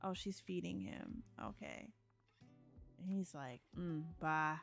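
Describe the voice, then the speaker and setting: A woman's voice: on the low side, huge pitch swings, slow pace, creaky, darkish tone, faint music behind. A young woman, chatting casually while she plays a life-simulation game and laughs often. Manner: chatty, laughs often, voices characters in asides. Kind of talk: casual let's-play commentary.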